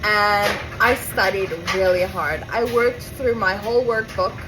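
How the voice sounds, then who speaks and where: A young woman with an Afrikaans accent, a South African vlogger, chats her way through a rambling story to camera, adding asides and correcting herself. She speaks a little slowly in a mid-range voice with fairly even intonation, and the home recording is noisy from appliances running.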